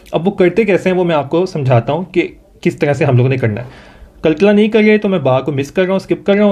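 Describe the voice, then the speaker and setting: A man's voice: fairly high pitch, darkish tone. Patient Pakistani man tutoring Quran reading. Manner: patient, repeats each sound slowly for the student to echo. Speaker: Quran recitation teacher.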